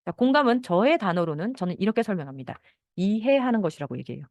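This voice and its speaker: A woman's voice: mid-range voice, big pitch swings, fast talker, darkish tone, no echo. A middle-aged woman counselor giving a talk on how parents should speak with children, acting out short parent and child lines as she goes.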